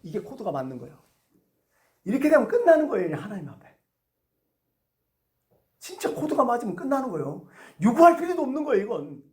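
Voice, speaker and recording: A man's voice: very high-pitched, wildly swooping pitch, a little fast, long pauses, darkish tone. A male pastor giving a conversational sermon, asking the congregation questions as he goes. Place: church sanctuary. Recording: echoey church hall.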